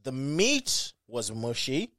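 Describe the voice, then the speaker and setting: A man's voice: mid-range voice, big pitch swings, takes it slowly, fairly bright tone, no echo. A man chatting casually with friends, laughing and swearing through his stories. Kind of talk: casual chat.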